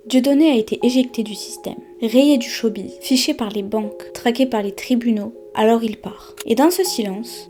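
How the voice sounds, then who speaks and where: A woman narrates a documentary in short, dramatic, punchy phrases. Her voice is mellow and dark yet sits slightly high. Faint music runs beneath her. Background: soft background music.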